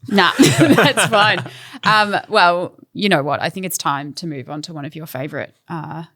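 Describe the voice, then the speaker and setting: A woman's voice: sits low, normal speed, bright, forceful tone, dry recording, clean studio sound. A woman hosting a podcast in casual chat, upbeat and steering the talk to the next topic. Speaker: podcast host.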